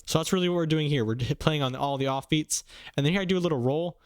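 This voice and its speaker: A young man talks fast and cheerfully through a beat-making tutorial, his voice sitting a little high. He hums drum patterns out loud as he works. Loud beats play under everything he says. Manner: upbeat, quick, hums drum patterns aloud. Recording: loud music playing under the voice. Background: beats playing from the production software.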